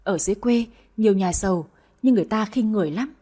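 A woman voicing a humble, middle-aged country mother in an audio story, speaking gently and hesitantly in a husky voice. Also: medium pitch, fast talker, lightly acted.

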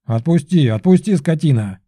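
A man voicing a rude, boastful male pigeon familiar with a shrill, squawking manner. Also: moderate pace, warm tone, no room sound, clean studio sound, close to an everyday voice. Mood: shrieking.

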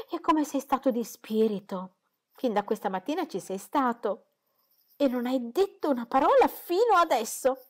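A woman reading aloud, voicing a fussy, excitable middle-aged mother who complains about her nerves. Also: medium pitch, lightly acted. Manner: exclamatory and complaining.

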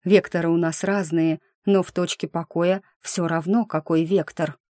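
A woman reading the lines of a calm, thoughtful young male mage in a slow, measured way. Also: on the low side, no room sound, close to an everyday voice.

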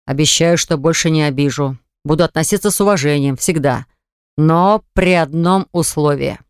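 A man reading an audiobook, voicing a stubborn young man who slowly and insistently presses his point. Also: clear, resonant tone, no echo, close to an everyday voice. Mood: pleading. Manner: low, slow, persuasive and pressing. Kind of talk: audiobook character voice. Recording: dry close studio recording.

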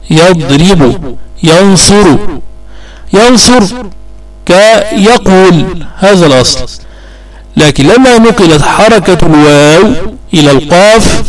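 A man's voice: on the high side, rough recording. Patient man teaching a grammar lesson. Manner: patient, asks and answers his own questions, repeats key points.

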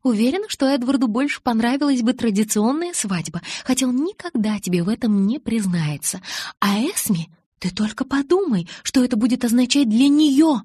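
A woman playing a bubbly young vampire girl in an audiobook, her voice pitched high above the narration and full of excitable wheedling. The tone stays husky, and the recording is dry and close. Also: normal speed, no room sound. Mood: eager, insistent.

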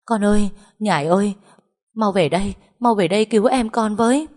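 A woman voicing a doting, quick-tempered older village mother who cries, pleads and scolds. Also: fairly low pitch, lively intonation, a little mellow. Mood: wailing.

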